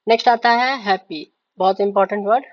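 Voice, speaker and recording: Woman shorthand teacher, mid-pitched voice, spells out patiently, slightly muffled lo-fi recording. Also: fairly even intonation, quick pace. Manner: repeats words, spells letters out, keeps asking "ठीक है?". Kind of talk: step-by-step lesson, writing on a board. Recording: slightly dull, lo-fi sound.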